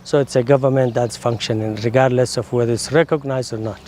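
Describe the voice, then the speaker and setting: A man from Somaliland explaining his homeland's history in a measured way, pausing with many fillers. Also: medium pitch, steady tone, a little mellow, slight background noise. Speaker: local interviewee.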